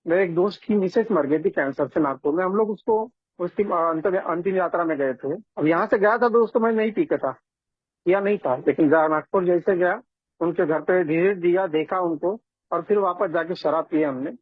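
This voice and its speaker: Earnest guy telling his recovery story, high husky voice, sounds like a phone line. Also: no room sound. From India. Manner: earnest, conversational, often addresses listeners as friends. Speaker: AA member sharing his story. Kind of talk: personal recovery testimony. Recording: tinny phone-line audio.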